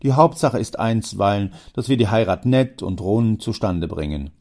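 A man voicing a talkative, scheming old uncle who speaks in smooth, self-important phrases. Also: lowish voice, expressive, moderate pace, darkish tone.

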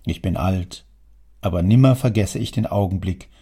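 A man voicing a stern, wealthy old father who scolds his son in an audiobook, speaking in a gravelly, husky, lecturing way. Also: sits low, moderate pace, mellow. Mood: wistful. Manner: lecturing, indignant, declamatory. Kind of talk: audiobook character reading.

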